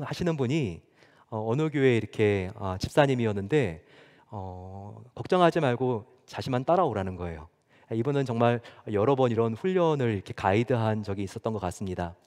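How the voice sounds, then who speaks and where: A male pastor preaching a sermon, animated and conversational, telling stories with acted quotes. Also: mid-range voice. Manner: lively storytelling with chuckles and acted quotes. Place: church sanctuary. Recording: long church hall reverb.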